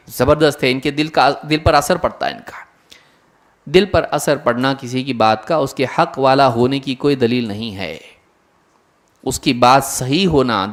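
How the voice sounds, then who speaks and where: A man with a slightly high, fairly bright voice delivers an earnest religious lecture in a lecture hall. As an Islamic lecturer, he fires off rhetorical questions and imitates the voices of imagined listeners.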